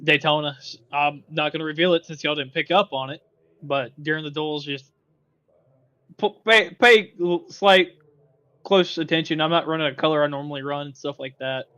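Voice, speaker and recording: Laid-back Australian racing driver. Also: male voice, fairly high pitch, steady tone, normal speed, bright, forceful tone, smooth, dry recording, muffled recording. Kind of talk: post-qualifying interview.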